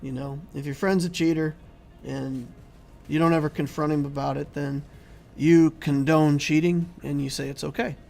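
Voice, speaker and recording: Gravelly-voiced man answering chat. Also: a little high, fairly even intonation, moderate pace, hardly any pauses, a little mellow, soft background music. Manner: conversational, rambling with restarts, answering chat. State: losing his voice, clearing throat. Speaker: YouTube game channel host. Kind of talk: casual livestream commentary.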